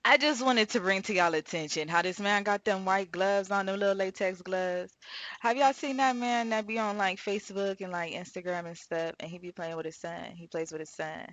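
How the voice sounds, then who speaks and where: A woman's voice: medium pitch, normal speed, fairly bright tone, muffled recording. A woman hosting a true crime reaction, chatting casually, laughing often and slipping into mock scolding.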